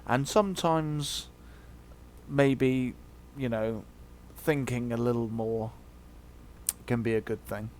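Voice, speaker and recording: Male video host, slow pace, hesitant, reflective, casual opinion talk, faint background noise. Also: medium pitch, fairly even intonation, darkish tone. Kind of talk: casual opinion monologue to viewers.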